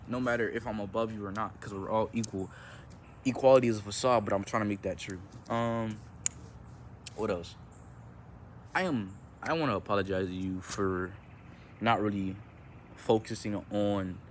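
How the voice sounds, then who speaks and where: A young adult man's low-leaning voice, occasionally monotone, carries slight background noise. He's a vlogger and amateur musician outdoors, chatting in a rambling, slangy vlog with a laid-back, nonchalant delivery.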